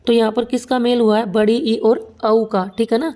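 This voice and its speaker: A young woman teaches Hindi grammar for exam preparation, walking through each example step by step and checking often that students follow. Her voice sits a little high but sounds soft and mellow rather than bright. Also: little pitch movement, moderate pace. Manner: patient, explains step by step with repeated checks. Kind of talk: exam-prep lesson at a whiteboard.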